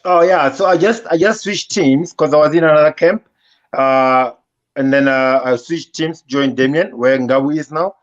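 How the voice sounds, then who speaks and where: A man's voice: a little high, normal speed, muffled recording. Hesitant male boxer. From South Africa. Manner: hesitant, many "uh" fillers, modest. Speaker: professional boxer, guest. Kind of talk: casual interview.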